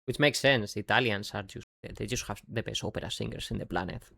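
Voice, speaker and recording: A man's voice: on the low side, a little fast, gravelly, pushed and bright, dry recording, clean studio sound. A man with a Yorkshire accent, chatting casually while streaming a game, rambling and breaking off mid-sentence. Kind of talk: casual live-stream commentary.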